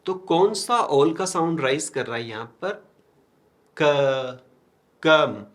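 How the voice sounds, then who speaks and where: A male teacher with an Indian English accent gives a classroom lecture at a moderate pace, his slightly high voice full of lively intonation. He explains step by step, asks his students questions and answers them himself, and writes on a board as he talks.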